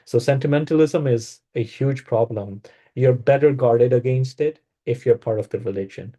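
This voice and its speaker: A man's voice: medium pitch, normal speed, warm tone. A man presenting in a casual spiritual discussion, talking hesitantly with many fillers and restarts.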